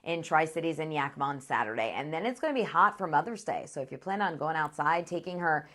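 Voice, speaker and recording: A woman's voice: sits low, lively intonation, fast talker, a bit bright. A woman presenting a TV weather forecast in a conversational, upbeat way. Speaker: meteorologist.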